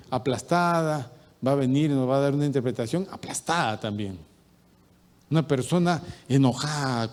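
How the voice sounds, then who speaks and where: A man preaching a midweek sermon as pastor, swinging from loud bursts down to quiet asides. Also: mid-range voice, in a large hall. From Peru. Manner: animated preaching, rising loud bursts and dropping to near-mutters. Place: church hall.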